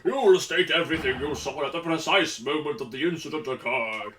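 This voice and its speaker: A man voicing a grave, authoritative judge in a courtroom video game, formal and measured. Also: fairly high pitch, fairly bright tone, a little hiss or hum, natural voice.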